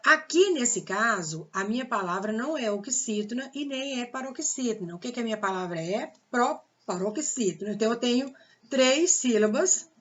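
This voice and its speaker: A woman's voice: a little high, lively intonation, moderate pace, dull audio. A woman teaching a grammar lesson with a Brazilian Portuguese accent, patiently repeating the rules and asking rhetorical questions.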